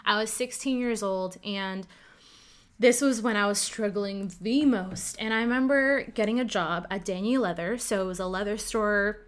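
This Ottawa, Canada woman, a first-language Cantonese speaker, recounts her story casually and candidly, leaning on "like" frequently. Her mid-range voice is clear and resonant, and she speaks at normal speed.

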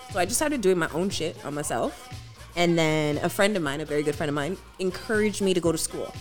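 A woman with a slightly low voice answers questions in casual conversation. She is informal, blunt and emphatic, and there is faint music underneath. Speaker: grooming professional, guest. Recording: music behind the voice.

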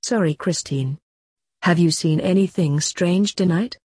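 A stern, terse father who is secretly an assassin, read by a woman. He lectures and speaks darkly, in a husky, lowish voice. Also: unhurried, darkish tone, no echo, studio quality.

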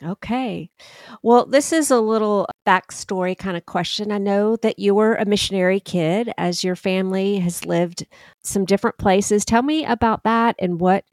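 A woman's voice: mid-range voice, normal speed, darkish tone, no room sound. A woman hosting a podcast, asking questions and giving brief encouraging replies. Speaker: podcast host. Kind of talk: interview questions.

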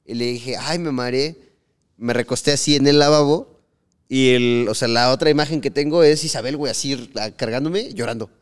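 A man's voice: medium pitch, a little fast, clean tone, big-room sound. A young man with a Mexican accent, co-hosting a podcast and telling a story in casual, slangy chat, acting out what people said. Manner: slangy storytelling, acts out quotes. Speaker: podcast co-host.

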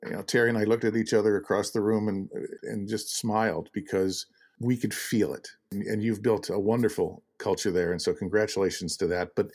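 A man hosting an interview podcast, speaking in a measured and congratulatory way. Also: fairly low pitch, steady tone, darkish tone. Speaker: podcast host.

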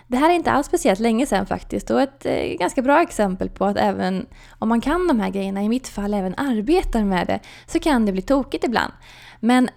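A woman coach telling a personal story and explaining an idea in a calm storytelling way, with soft whispered asides. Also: on the high side, gravelly.

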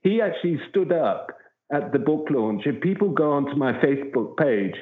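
A man's voice: a little high, lively intonation, moderate pace. A man, a wildlife researcher, telling an earnest, rambling story as an interview guest. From southern Africa. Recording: tinny phone-like line with echo.

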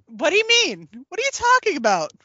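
Female co-host, jokey and dry, high voice, dull lo-fi sound. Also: wildly swooping pitch, fairly quick, sharp tone, no room sound. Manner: joking, dry asides. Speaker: podcast co-host. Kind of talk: casual chat reviewing a film.

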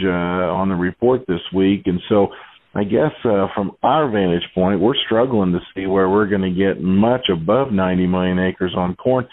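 A man speaking over the phone as a market analyst guest in a casual interview, rambling with plenty of "you know" and "uh". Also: low-pitched. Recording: tinny phone line.

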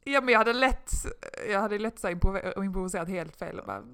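A young woman in her twenties co-hosting a casual podcast, a lively storyteller who acts out what people said. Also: medium pitch, smooth. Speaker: podcast co-host, basketball player.

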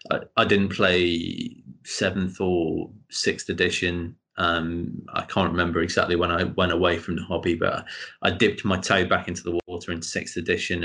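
A man speaking as a podcast guest, relaxed and hesitant with fillers. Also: low-pitched. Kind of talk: casual podcast chat.

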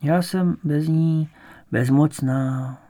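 A male narrator voicing a frail, bedridden old grandmother who speaks slowly and weakly, resigned to everything. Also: low-pitched, mellow, close to an everyday voice. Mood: weak, plaintive. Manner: slow, weak, plaintive.

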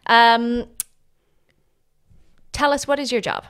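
A woman's voice: fairly high pitch, steady tone, slow pace, fairly bright tone, clear, resonant tone. A woman, hosting a podcast in a conversational interview style. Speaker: podcast host.

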